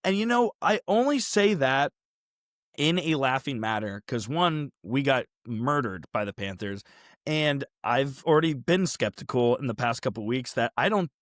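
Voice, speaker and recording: Male podcast host, mid-pitched, dry close mic, animated storyteller. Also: normal speed, dry recording. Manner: animated storyteller, acts out quotes. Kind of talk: casual sports chat.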